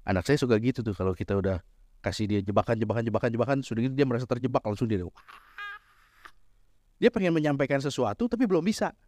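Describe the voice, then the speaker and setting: A middle-aged man, a pastor, preaching a sermon in a lively, joking way, mixing in English phrases. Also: medium pitch, rapid-fire. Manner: lively, mixes Indonesian with English phrases, jokes with the congregation.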